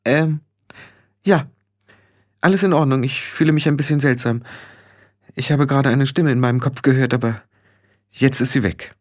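Ein Mann spricht ein verängstigtes junges Hexenmädchen, das stockend und hastig redet. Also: male voice, medium pitch, moderate pace, pauses often, a little mellow, voice pushed up, natural voice. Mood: nervous. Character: frightened young witch girl, shaky and strange.

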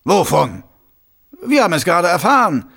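A hurried, startled lieutenant, as a male narrator puts him on, pitched high and loud with a gravelly, husky grain. He tumbles out his news quickly. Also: big pitch swings, exaggerated voice. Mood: urgent. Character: urgent male watch lieutenant.

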